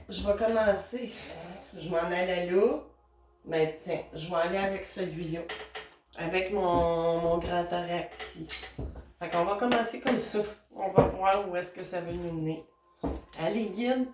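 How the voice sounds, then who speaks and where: A woman with a Québécois accent gives a casual tarot and oracle card reading, her lowish, darkish voice moving at a measured pace. She chats to her guides in a meandering way, full of fillers, and the recording is roomy, a bit distant, with faint noise.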